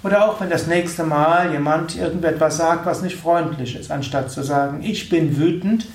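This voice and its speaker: A man giving a spiritual lecture in a calm, repetitive, instructive manner. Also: fairly high pitch, moderate pace. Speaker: spiritual teacher. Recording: echoey room, voice from far off.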